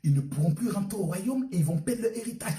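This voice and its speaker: A man voicing a pompous male crown prince who talks in a grand, slow, self-important way. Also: high-pitched, lively intonation, mellow, soft background music, pitched below the performer's own voice. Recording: roomy, distant mic.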